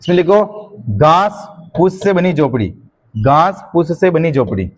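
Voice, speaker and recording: A middle-aged man, teaching an exam-prep class and slowly dictating notes, repeating each phrase and checking in with his students. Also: a little high, very animated. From Rajasthan.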